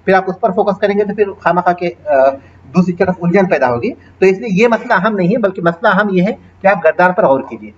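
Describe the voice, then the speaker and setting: A man's voice: high-pitched, lively intonation, highs cut off, slight background noise. A man teaching an Arabic grammar class online, patiently explaining and reciting verb forms with their translations.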